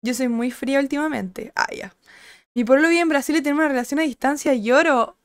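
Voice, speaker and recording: A young Chilean woman streaming, chatting casually and crudely with her viewers and greeting them by name, her voice a little husky today. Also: high-pitched, fairly quick, no room sound. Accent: Chilean Spanish. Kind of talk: casual chat with live chat viewers.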